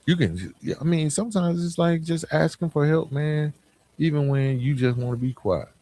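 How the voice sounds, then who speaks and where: A man hosts a motivational podcast, addressing the listener directly in colloquial language with earnest emphasis. His voice is a little high and warm, at a moderate pace.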